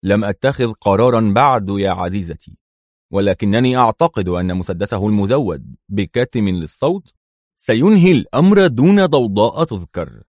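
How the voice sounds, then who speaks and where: A man voicing a calm, sarcastic secret agent hero. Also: fairly low pitch, normal speed, no room sound, studio quality. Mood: sardonic. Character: cool, sardonic male secret agent hero.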